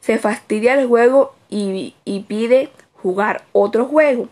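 A woman's voice: fairly high pitch, slow, a little mellow. A woman reading aloud her written observation report as a student observer, with small slips and self-corrections.

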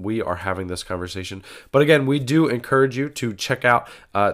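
A man hosting a podcast, sounding nasal from a cold, talking in a measured way with frequent fillers. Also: on the low side, fairly bright tone. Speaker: podcast host. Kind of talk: casual podcast intro.

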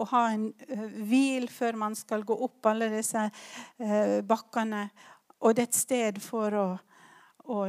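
High-voiced woman preaching conversationally. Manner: conversational, with personal asides and fillers. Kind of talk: sermon retelling a Bible story.

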